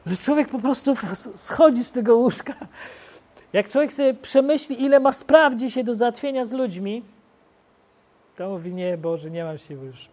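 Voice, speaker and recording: A male preacher giving a sermon, telling the story with lively swings between loud bursts and quiet asides. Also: extremely high pitch, normal speed.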